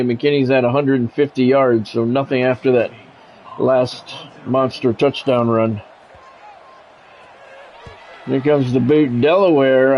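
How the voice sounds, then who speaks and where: In a mid-range voice with a darkish tone, a man gives live play-by-play over a football video game, sticking to terse announcer phrases and candid asides. The sound is dull and lo-fi, with faint background noise.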